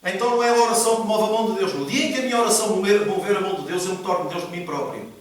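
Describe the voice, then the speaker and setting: A man preaches with emphatic repetition, asking the congregation questions as he goes. His voice sits high for a man. It rings out through a very echoey church hall, picked up from a distance by the mic. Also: very fast, slight background noise. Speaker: pastor. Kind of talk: sermon.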